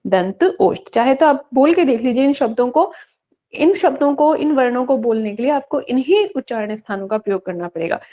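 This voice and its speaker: Fairly high-voiced woman teaching online. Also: lively intonation, highs cut off. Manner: asks questions then answers them, recites rules slowly. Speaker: Sanskrit teacher. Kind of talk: online exam-prep lecture.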